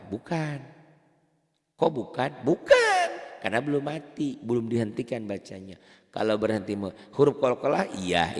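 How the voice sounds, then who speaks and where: A man teaching Quran reading rules, animated, asking questions and answering them himself. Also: on the low side, in a large hall. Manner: animated, asks and answers his own questions. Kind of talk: tajwid lesson.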